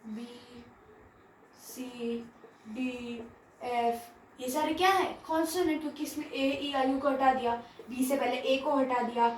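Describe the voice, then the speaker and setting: A woman's voice: high-pitched, roomy sound, distant mic, slight background noise, low-quality recording. A woman teaching grammar, speaking. She asks the class questions and answers them herself, often checking in with "theek hai". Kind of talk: classroom grammar lesson mixing Hindi and English.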